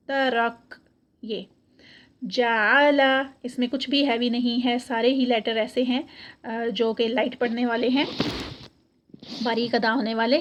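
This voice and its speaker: A woman teaching a recitation lesson, her voice a little higher than most. She demonstrates each word slowly and then explains it patiently. The recording sounds dull and lo-fi.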